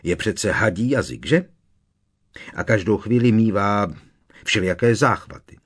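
A man's voice: fairly low pitch, husky. A man voicing a blustering, indignant minister. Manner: agitated, indignant, raised voice. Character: blustering defensive middle-aged male minister. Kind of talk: audiobook character reading.

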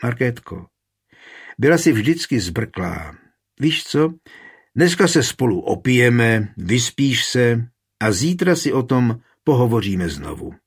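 A man with a husky voice reading an audiobook, giving a stern yet caring grandmother a firm, serious delivery. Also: medium pitch, very animated.

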